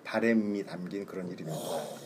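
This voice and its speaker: A man's voice: low voice, brisk, heavy background noise. A middle-aged man as the student in a casual English lesson, joking and repeating phrases. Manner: jokey, repeats phrases after teacher.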